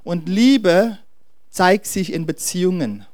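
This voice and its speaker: A pastor preaches in a high-pitched, sing-song voice that is a little mellow, recorded dry in a clean studio. Speaking to his congregation directly, he keeps stopping to find words and haltingly restarts what he was saying.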